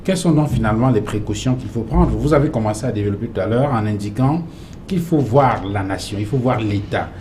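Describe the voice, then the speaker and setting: A man moderating a panel debate in a TV studio, building long questions full of hesitations. His voice is mellow and mid-pitched, with faint background noise. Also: fairly quick. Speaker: TV debate host.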